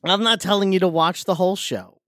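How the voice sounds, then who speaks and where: A man's voice: high-pitched, a little fast, pushed and bright, no echo, studio quality. A man co-hosting a podcast in casual chat, talking in a chatty, hesitant way with many restarts. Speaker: podcast co-host.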